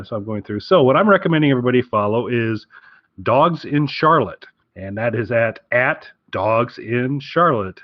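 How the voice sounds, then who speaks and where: A podcast co-host with a mid-range voice rambles through casual chat, correcting himself as he goes. The audio is dull, lo-fi, close, and dry, with no echo.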